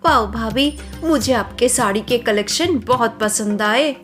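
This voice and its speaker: A woman's voice: fairly high pitch, measured pace, a bit bright, faint music behind. A woman voicing a spoiled, scheming young wife who sweet-talks and boasts, in a cartoon story. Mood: coaxing. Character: scheming spoiled young wife, sticky-fingered sister-in-law.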